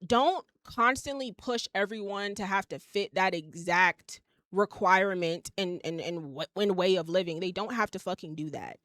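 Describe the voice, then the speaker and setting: At medium pitch and normal speed, a woman in her 20s with a slightly bright voice rants on her podcast, blunt, emphatic and heavily profane, in a casual opinion monologue. The sound is clean studio quality, echo-free.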